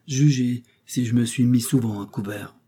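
Man doing a hot-blooded young Gascon, passionate and emphatic, dark husky voice, audiobook. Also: mid-range voice, moderate pace, lightly acted. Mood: eager. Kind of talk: audiobook character voice.

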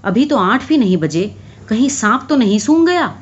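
A woman reading aloud, voicing a burly, suspicious husband who talks gruffly and demands answers. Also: on the high side, sing-song, dull audio. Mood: impatient. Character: loud suspicious jealous husband, burly man.

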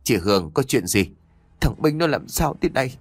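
A man's voice: mid-range voice, very animated, normal speed, husky, no room sound. A man playing a middle-aged uncle who soothes and reassures patiently. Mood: alarmed.

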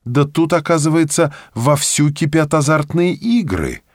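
A man's voice: medium pitch, lively intonation, measured pace, darkish tone, no room sound, studio quality. A man reading a story, voicing a proud, passionate young woman in a fervent, declamatory way. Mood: exclaiming.

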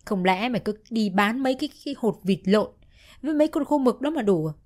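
A woman's voice: fairly high pitch, animated, fast, a little mellow, lightly acted. A woman voicing a drunk, bullying middle-aged stepfather who scolds in a slurred drunken voice. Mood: drunken scolding.

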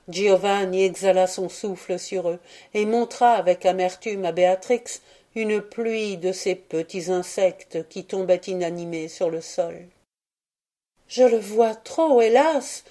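A woman narrating a classic short story aloud in a measured literary reading. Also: on the low side, mellow. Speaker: audiobook reader. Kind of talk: scripted narration.

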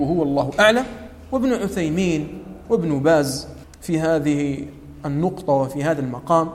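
Animated man teaching in a hall. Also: fairly high pitch. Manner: animated, mixes formal Arabic with dialect, demonstrates recitation, quizzes students. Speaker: Quran recitation teacher. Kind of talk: classroom lecture on tajweed rules.

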